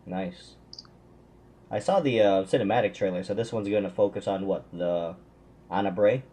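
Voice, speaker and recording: A man's voice: fairly low pitch, moderate pace, warm tone, breathy edge. A man co-hosting a casual gaming podcast, asking questions with some hesitant restarts. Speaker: podcast co-host.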